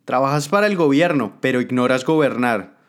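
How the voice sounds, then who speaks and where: A man's voice: mid-range voice, lively intonation, a little fast, clear, resonant tone, lightly acted. A man voicing a cruel, ruthless woman politician who taunts and threatens, in a dramatic spoken story. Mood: scornful. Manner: taunting, contemptuous.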